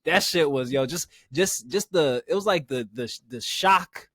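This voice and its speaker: A man co-hosting a casual anime podcast, talking in animated slang and jumping into louder voices when he quotes characters. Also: fairly high pitch, measured pace, slightly rough, dry recording, studio quality. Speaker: podcast co-host.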